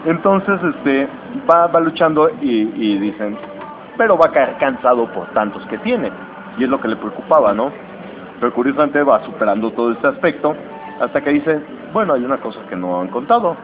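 Animated Mexican man retelling a comic. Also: mid-range voice. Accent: Mexican Spanish. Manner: animated, slangy, acts out lines in quick voices. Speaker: comics podcast host. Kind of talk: casual chat retelling a comic plot. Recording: dull lo-fi recording with steady noise.

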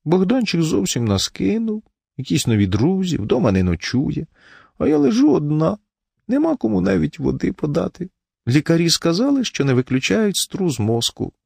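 A man's voice: a little high, big pitch swings, normal speed, vocal fry, a little mellow, husky, no echo, clean studio sound, voice pushed up, exaggerated voice. A man voicing a whiny middle-aged wife who plays sick, with a weak, plaintive voice. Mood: feeble whining. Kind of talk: audiobook character voice.

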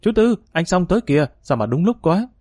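A nervous young street lackey, as a male narrator puts him on, blurting his words out in a rush. The voice sits noticeably higher than the narrator's own and comes across dry and close. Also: very animated, mellow, no room sound. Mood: panicky. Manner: jittery, hurried.

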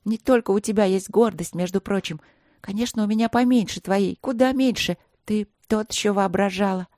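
A woman voicing a cheeky, chatty young princess in an audiobook, teasing and quick to chatter. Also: mid-range voice, mellow, no room sound, clean studio sound, voice pushed up, close to an everyday voice. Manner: bubbly, teasing, rapid chatter. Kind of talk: audiobook character voice.

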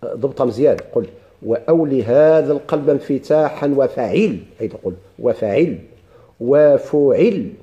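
Dark-voiced Moroccan man teaching grammar. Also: mid-range voice, fairly quick, muffled recording. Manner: explains step by step, quizzing students with questions. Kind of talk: classical grammar lesson.

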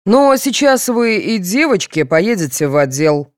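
A stern, dry police officer, read by a woman, giving clipped orders with calm authority. The voice swings lively in pitch and sits close and dry. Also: a little slow, no echo. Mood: curt, commanding. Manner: curt, commanding, dry. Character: stern middle-aged male police officer, unflappable. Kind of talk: audiobook character voice.

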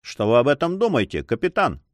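A man's voice: mid-range voice, wildly swooping pitch, brisk, no room sound, voice pushed up. A man voicing a stern, contemptuous Spanish landowner in an audiobook.

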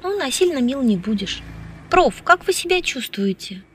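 A woman's voice: sits high, very animated, moderate pace, slight background noise, voice pushed up. A woman reading an audiobook, voicing a bold, flirtatious, outspoken woman who teases freely. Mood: teasing. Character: brash, lively flirtatious woman scientist.

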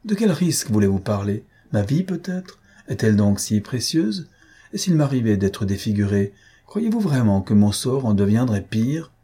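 A man's voice: mid-range voice, moderate pace, warm tone, slightly rough, voice pushed up, lightly acted. A man reading the part of a distraught young wife, in a raised, pleading and cutting tone. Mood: bitter, defiant. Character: young wife, anguished and bitterly defiant.

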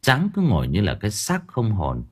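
A man's voice: lowish voice, wildly swooping pitch, normal speed, breathy edge. A man narrating a story expressively. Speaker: audiobook narrator.

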